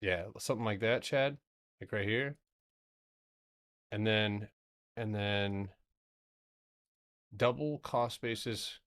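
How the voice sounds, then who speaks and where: Forceful low-voiced man chatting on stream. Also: slow pace, long pauses. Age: 30s. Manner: loose and chatty, swears, laughs, answers chat. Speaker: trading stream host. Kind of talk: casual live-stream chart commentary.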